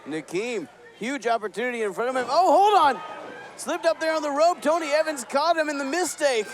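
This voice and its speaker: A man's voice: very high-pitched, lively intonation, brisk, slight background noise. Exasperated wrestling play-by-play man. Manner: exasperated, sarcastic with his partner. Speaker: play-by-play commentator. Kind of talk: wrestling commentary.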